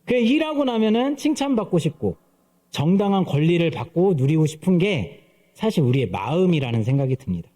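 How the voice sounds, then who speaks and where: A man's voice: high voice, big pitch swings, normal speed, warm tone. A man in his thirties preaching a sermon at church, telling stories and playfully mimicking voices. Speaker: pastor. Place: church sanctuary.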